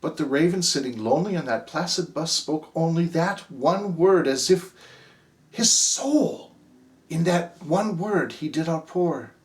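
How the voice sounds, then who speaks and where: A man recites poetry dramatically and expressively, his slightly high voice moving at a measured pace as it swings from hushed near-whispers to agitated outbursts.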